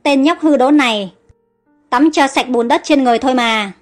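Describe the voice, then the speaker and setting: A woman's voice: sits high, moderate pace, soft background music, close to an everyday voice. A woman voicing a loyal young maid who scolds snappily in a storybook. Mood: snappy.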